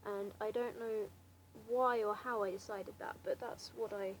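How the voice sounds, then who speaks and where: A woman's voice: medium pitch, fairly even intonation, a little slow, slight background noise. A young woman in her late teens with a southern English accent, chatting casually in a hesitant, self-deprecating, wry way. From Slough, England. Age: late teens, seventeen. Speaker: amateur vlogger answering a challenge. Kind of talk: casual rambling chat to camera.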